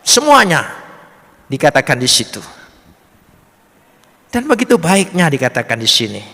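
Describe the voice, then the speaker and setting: Guy preaching a sermon in a church hall, bright ringing voice, gets loud then goes quiet, long echo. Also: fairly high pitch, very animated, moderate pace. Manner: preaching with swelling emphatic peaks and quiet drops. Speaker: pastor.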